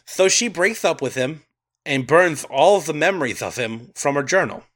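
A man's voice: fairly high pitch, expressive, normal speed, a bit bright. A man co-hosting a podcast, recapping a movie plot and sharing trivia in casual chat, laughing often. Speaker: podcast co-host.

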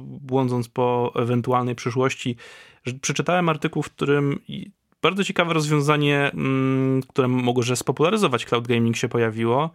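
A man hosting a podcast, asking questions and summing up in a measured, conversational way. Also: medium pitch, steady tone, no echo, studio quality. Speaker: podcast host. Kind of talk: podcast interview.

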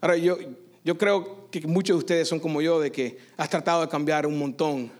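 A man pastor preaching a sermon, telling a personal story in an animated way and slipping into English phrases now and then. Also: fairly high pitch, fairly quick. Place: church service.

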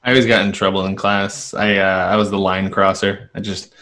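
A man's voice: sits low, little pitch movement, bright, forceful tone. A man in his late twenties co-hosting a podcast, rambling casually and joking at his own expense. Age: 20s. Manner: rambling, self-mocking, quick to laugh. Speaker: podcast co-host. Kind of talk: casual chat.

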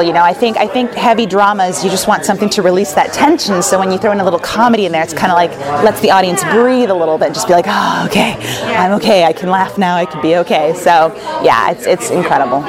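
A stage actor answering interview questions in a halting way with many fillers. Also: male voice, high voice. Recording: crowd chatter behind.

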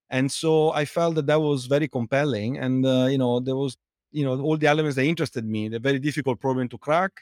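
A middle-aged Italian man with an Italian accent, a fouling researcher and company co-founder, is a guest answering interview questions hesitantly, with many fillers and restarts. His mid-range voice is a little mellow, and the sound is clean studio audio with no room sound.

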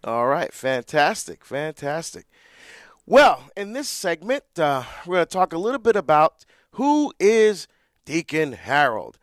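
A man's voice: a little high, sing-song, measured pace, no room sound, studio quality. Earnest Barbados-born man hosting radio. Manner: earnest, warm storytelling with frequent restarts. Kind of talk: live call-in radio talk.

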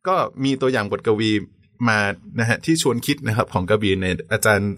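A man co-hosting a podcast in a conversational lecture style, polite and quick to affirm. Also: lowish voice, a bit bright, no echo, clean studio sound. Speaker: podcast co-host.

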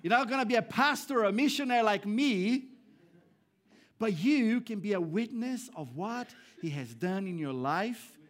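Man, pastor, sermon, very high pitch, rises and drops to hushed lines. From Brazil. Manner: preaching with swings between raised emphatic lines and low hushed ones. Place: church hall before a congregation.

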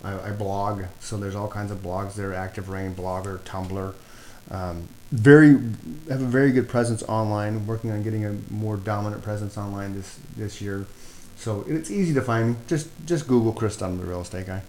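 Middle-aged guy rambling on his podcast, kinda low voice, roomy echo. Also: moderate pace, a little mellow. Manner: rambling, many fillers and restarts. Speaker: podcast host. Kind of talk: casual podcast chat. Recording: echoey room, faint background noise.

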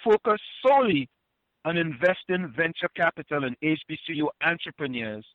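Over a dry phone-line call, a fairly high-pitched Trinidad and Tobago man in his sixties, formerly a Wall Street compliance officer, chats earnestly in a casual interview. He speaks at a moderate pace with lively intonation, frequently repeating words as he starts over.

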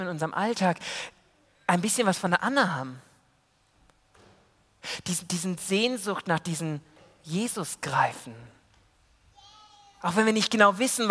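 Man, preacher, storytelling sermon, lively, bright voice, long church reverb. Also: high voice. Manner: lively storytelling, swings between loud and hushed. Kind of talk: sermon told as a children's story.

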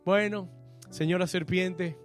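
A man voicing a naive, dithering Eve with a soft, hesitant, wavering voice during a sermon. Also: sits high, fairly even intonation, slow pace, soft background music.

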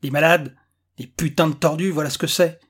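Reader putting on a hostile male cop, loud and coarse, husky, storybook. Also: fairly high pitch, fairly even intonation, a little fast. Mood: contemptuous. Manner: threatening, coarse. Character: brusque male police officer, hostile.

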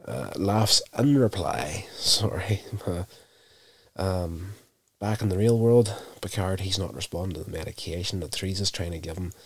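A man casually recapping a TV episode, telling it in an unhurried, self-correcting way. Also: low-pitched, husky, no echo.

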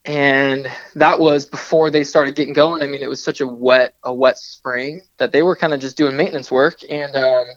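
A man's voice: mid-range voice, steady tone, moderate pace, hardly any pauses, no echo, dull audio. A young man from the Pacific Northwest, a documentary photographer, telling a long rambling story as a guest in a casual radio interview. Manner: rambling, chatty storyteller full of restarts and asides.

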